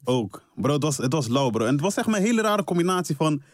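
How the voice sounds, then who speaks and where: A man in casual chat, excitable and slangy, full of quick interjections. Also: on the high side, no room sound, clean studio sound.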